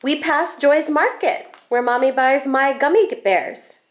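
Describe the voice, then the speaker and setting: The storybook reader is a woman on a school's staff whose voice sits high; she carries a children's picture book along expressively and deliberately as she reads it aloud.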